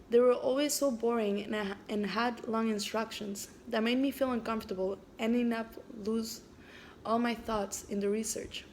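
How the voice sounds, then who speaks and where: Speaking in a fairly high, slightly mellow voice, a Canadian-raised woman whose first language is French presents a story she wrote, then reads it out. She hesitates often, pausing and using fillers, and there's slight background noise.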